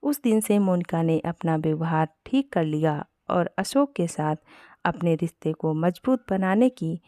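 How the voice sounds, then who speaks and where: Woman reading a family story, low warm voice, dry close sound. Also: measured pace, no room sound. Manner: steady, plain reading. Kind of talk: storybook narration.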